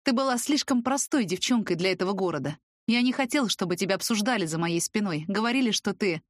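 A woman's voice: medium pitch, expressive, fast talker, no echo, natural voice. A woman voicing a young male student, a pushy ex-boyfriend who talks insistently and urgently.

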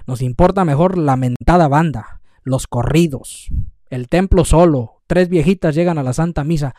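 A man's voice: on the high side, normal speed, dark tone, dry recording, studio quality. Fiery Mexican preacher man scolding. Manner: scolding, emphatic repetition. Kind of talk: fiery livestream sermon.

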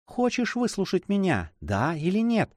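A man reading a story aloud, voicing a frightened young noblewoman who pleads softly and emotionally with her brother. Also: high voice, wildly swooping pitch, normal speed, no room sound, clean studio sound, voice pushed up, exaggerated voice. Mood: worried. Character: anxious young noblewoman, the hero's sister.

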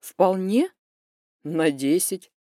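A woman voicing a calm, blunt young man who speaks in a level, understated way. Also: fairly low pitch, drawn-out words, no echo, studio quality. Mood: calm teasing. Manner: level, even, understated delivery.

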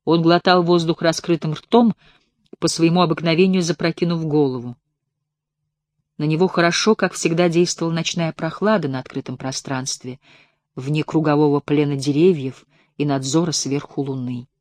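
Woman, audiobook narrator, measured reading, dry close sound. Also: sits low, no echo. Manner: measured, even literary reading. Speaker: audiobook reader.

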